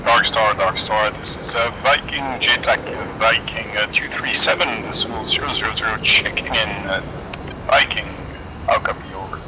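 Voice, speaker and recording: A man acting as a ground controller, checking in over a walkie-talkie radio with halting, pause-filled call procedure. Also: on the low side. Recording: muffled radio with loud noise.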